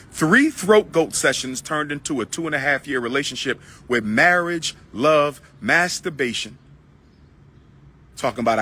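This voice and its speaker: Husky and fairly bright at a medium pitch, this middle-aged man runs a livestream where he delivers a heated, preachy rant to his "brothers and sisters" before talking with a caller.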